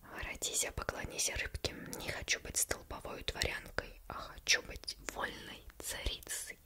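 A woman's voice: moderate pace, lightly acted. Whispered role-play, woman acting a domineering old wife, fairy tale, quarrelsome, greedy, scolding. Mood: imperious anger. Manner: bossy, quarrelsome.

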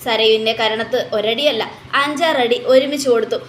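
Female narrator, emphatic serial recap; high-pitched, echoey room. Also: normal speed, a little hiss or hum. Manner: dramatic, emphatic storytelling. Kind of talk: dramatic retelling of a TV serial.

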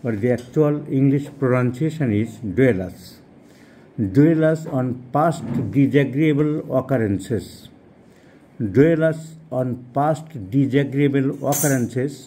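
A man, teaching homeopathy and repeating key phrases with slow emphasis. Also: mid-range voice, warm tone, slight background noise. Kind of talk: explaining a repertory rubric.

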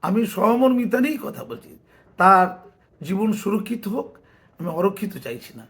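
Sarcastic commentator, gravelly and high. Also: male voice, very animated, moderate pace, a bit bright. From West Bengal. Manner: sarcastic, argumentative, mocking asides. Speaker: political commentator. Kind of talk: opinion commentary.

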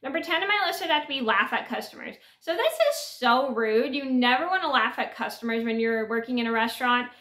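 A woman's voice: a little high, animated, a little fast, few pauses, fairly bright tone, roomy sound. A woman in her thirties talking to a webcam in a small bedroom, giving earnest advice in a casual, repetitive way with many restarts. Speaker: vlogger. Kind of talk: casual talk to camera. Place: small bedroom with sloped ceiling.

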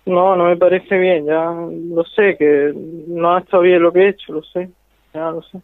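This is a phone conversation in which a young adult man, the target of a prank call, stumbles and repeats his words. He has a high voice with a level tone and speaks at a normal pace, captured in a dry recording.

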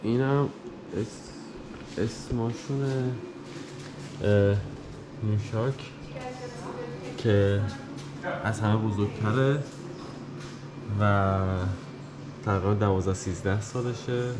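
A man's voice: on the low side, pauses often. A man in his thirties casually narrating a travel vlog while walking around an outdoor heritage village, filmed on a handheld camera. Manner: relaxed, thinking aloud while walking around. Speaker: travel vlogger. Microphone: handheld action camera. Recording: noisy outdoor ambience.

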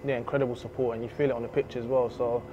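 A man's voice: medium pitch, rapid-fire. A man playing a candid young footballer. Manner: relaxed, candid, laughs easily. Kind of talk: post-match interview. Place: empty football stadium stands, outdoors. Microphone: handheld reporter mic. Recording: slightly dull outdoor audio with faint noise.

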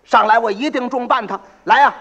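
A man's voice: very high-pitched, fairly quick, a bit bright, lo-fi sound, slight background noise, pitched above the performer's own voice. A man voicing a pompous, hot-tempered county magistrate who lectures and blusters in an officious way. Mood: blustering.

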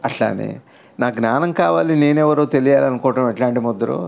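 A man with a gravelly, creaky voice gives a spiritual teaching in the form of a conversation. He explains patiently and asks rhetorical questions. His voice sits at a middling pitch. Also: fairly quick, a little mellow, highs cut off.

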